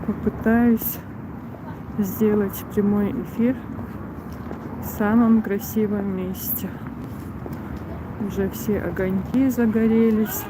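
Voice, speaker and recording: A woman vlogs live outdoors at a very slow, unhurried pace, dropping short casual remarks between pauses. Her pitch is average for a woman. Loud street and traffic noise runs all through the recording. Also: steady tone. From Grozny, Russia. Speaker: vlogger livestreaming a walk. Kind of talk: casual live vlog narration. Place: outdoors in a city park. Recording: very noisy outdoor phone livestream, traffic ambience.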